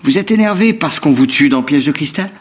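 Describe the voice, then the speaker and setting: A man's voice: a little high, lively intonation, brisk. A man voicing a sick male patient who teases his doctor in a dubbed series scene. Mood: teasing. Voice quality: gravelly, husky, teasing.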